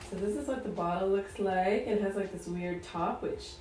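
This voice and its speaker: A woman's voice: medium pitch, moderate pace, darkish tone, slight background noise. A woman co-hosting a casual snack taste-test video, chatting with lots of fillers. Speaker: vlog co-host. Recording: roomy sound from a distant mic.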